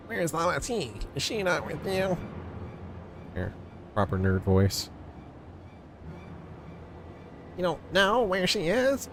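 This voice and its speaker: A man doing a worried young royal. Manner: raised pitch, slow worried delivery. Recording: game music underneath.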